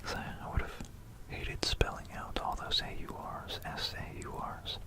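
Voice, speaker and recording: Close to a binaural mic, an ASMR host whispers history at a moderate pace, the voice breathy and unvoiced. It wanders along, broken up by playful asides aimed at the listener.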